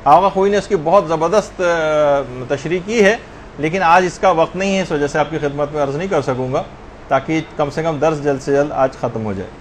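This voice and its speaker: A man giving a religious lesson on correct Quran recitation, pausing now and then to chant verses slowly as examples. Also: on the high side, a little hiss or hum. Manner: slow chanted demonstrations of verses.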